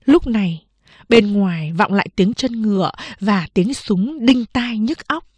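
A woman calmly narrating a novel as an audiobook reader, in a steady storytelling manner. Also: medium pitch, unhurried, no echo.

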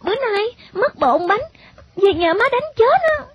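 A woman's voice: very high voice, fairly quick, a little mellow, voice pushed up. A woman doing a timid, wary little girl. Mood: flustered. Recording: dull lo-fi recording.

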